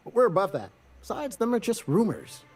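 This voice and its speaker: A man's voice: high voice, huge pitch swings, brisk, soft background music, heavily acted. An actor playing a folksy, slyly self-righteous townsman in a video game, insinuating as he gossips. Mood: sly, indignant.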